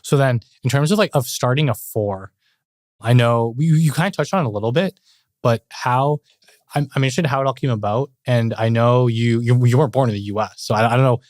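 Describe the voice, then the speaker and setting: A man hosting an interview podcast, asking relaxed follow-up questions and giving short acknowledgements. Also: mid-range voice, brisk, no room sound, clean studio sound. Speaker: podcast host. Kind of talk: casual interview conversation.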